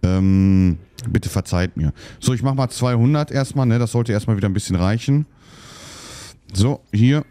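A man's voice: fairly low pitch, moderate pace, dark tone, no room sound. A man chatting casually while playing a game, muttering to himself and getting annoyed easily. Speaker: let's play host. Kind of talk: casual gameplay commentary.

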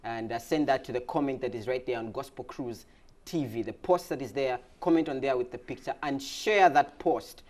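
Brief: cheerful male show host, casual banter, average pitch. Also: normal speed. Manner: upbeat, laughs often. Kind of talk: casual interview chat.

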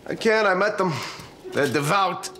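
A whiny neurotic sitcom bachelor. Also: male voice, sits high, a little slow, very noisy. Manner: whiny, fretful. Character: neurotic self-pitying single man. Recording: sitcom soundtrack with audience laughter. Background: studio audience laughter.

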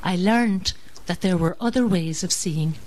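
An Irish woman poet reciting a narrative poem in a measured, story-like way. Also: fairly low pitch, a little mellow.

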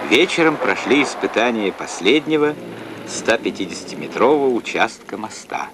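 A man's voice: fairly low pitch, sing-song, moderate pace. A man narrating an old Soviet newsreel from a script, with a formal announcer's delivery. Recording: noisy 1980s archive newsreel soundtrack.

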